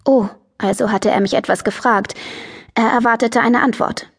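A woman narrating a teen novel in the first person, lively, chatty and self-mocking. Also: on the high side, moderate pace, vocal fry, breathy edge. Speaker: audiobook narrator.

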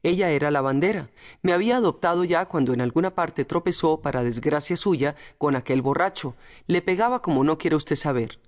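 A woman voicing a calm, soft-spoken, kindly male visitor in an audiobook. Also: deep voice, brisk. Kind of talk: audiobook character voice.

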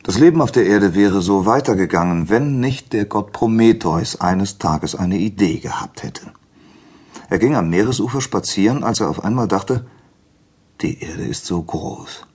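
A man narrates a children's audiobook in a calm, expressive storytelling voice. His low, husky voice rises and falls with lively intonation. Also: normal speed.

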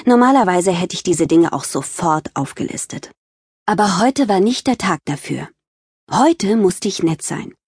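A woman narrating a children's audiobook in the first person, with lively, expressive storytelling. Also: on the low side, unhurried, breathy edge, dry recording, studio quality.

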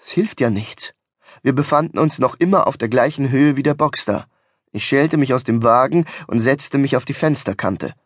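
A man's voice: mid-range voice, moderate pace, slightly rough, dry recording. A man narrating a comic novel in the first person in a wry, dry storytelling manner. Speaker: audiobook narrator. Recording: dry studio recording.

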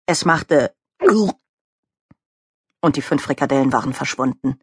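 A woman reading a children's story as the narrator, with lively, expressive storytelling on a close studio mic. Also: very deep voice, unhurried, husky, no room sound. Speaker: audiobook narrator.

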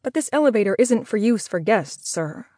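A woman's voice: medium pitch, lively intonation, moderate pace, warm tone, dry recording, studio quality, pitched above the performer's own voice, close to an everyday voice. A woman doing a polite tinny-voiced hotel operator man. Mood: polite apologetic. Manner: polite, apologetic service tone. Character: hotel operator man on an emergency phone line.

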